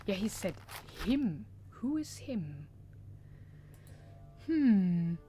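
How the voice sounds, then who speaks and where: A woman's voice: medium pitch, big pitch swings, extremely slow, dark tone, slight background noise. A woman giving casual let's play commentary, musing and thinking aloud as she goes.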